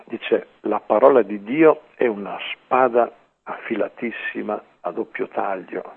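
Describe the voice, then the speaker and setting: A man's voice: fairly low pitch, a little slow, vocal fry, slightly rough. A man giving an informal religious talk on the radio, chatty, often adding "eh" and "vero". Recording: tinny radio line.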